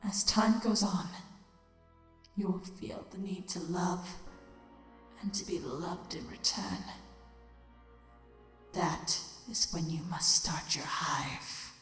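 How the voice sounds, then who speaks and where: A woman voicing an old dying changeling queen in an audio drama, breathy and half-whispered, sinister yet tender, solemn and deliberate. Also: fairly low pitch, fairly even intonation, fairly bright tone. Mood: hushed, instructive. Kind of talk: dramatic audio fiction acting. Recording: heavy echoing reverb, music underneath. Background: music.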